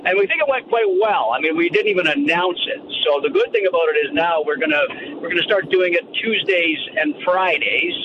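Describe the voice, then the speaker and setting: A middle-aged man phones in from the road, his fairly high voice boxed in and tinny as if he were inside a metal tank. The line is dull and narrow, with a steady hum of road noise behind him. He talks in a chatty, teasing way, full of mock complaints. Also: a little fast. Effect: tinny, muffled sound as if inside a metal tank, over a phone line. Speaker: radio co-host calling in. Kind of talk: casual radio banter. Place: car on the road.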